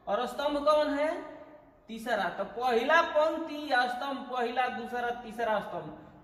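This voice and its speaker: A man's voice: very high-pitched, fairly bright tone. A man teaching a math lesson, explaining step by step, counting aloud and checking that students follow. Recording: echoey room with long reverb.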